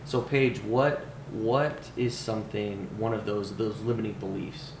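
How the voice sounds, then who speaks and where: A man hosting a casual podcast interview, restarting his sentences often and quick to agree. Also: lowish voice, fairly even intonation. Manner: stammering restarts, quick affirmations. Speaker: podcast host. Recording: roomy, with clear noise.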